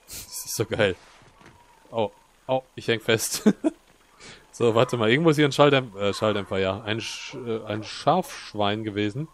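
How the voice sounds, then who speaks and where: A man's voice: lowish voice, moderate pace, slight background noise. A young man chatting colloquially and jokily as he comments on a co-op video game. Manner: jokey, colloquial. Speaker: Let's Play host. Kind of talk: casual co-op gaming commentary. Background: video game ambience.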